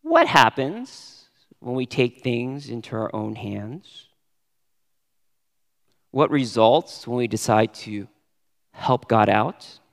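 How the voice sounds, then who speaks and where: Expressive man preaching in a reverberant hall. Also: medium pitch, takes it slowly, vocal fry, long pauses. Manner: expressive, stresses key words with sudden rises. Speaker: pastor. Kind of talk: sermon.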